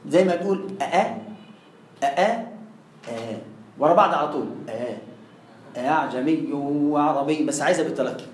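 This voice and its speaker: A man with an Egyptian accent teaching Quran recitation rules in a lively way, talking straight to his students and demonstrating sounds. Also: a little high, fast talker, long pauses, reverberant, a little hiss or hum, poor audio. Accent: Egyptian Arabic. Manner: lively, addresses the listener directly, demonstrates sounds. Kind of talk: classroom lecture.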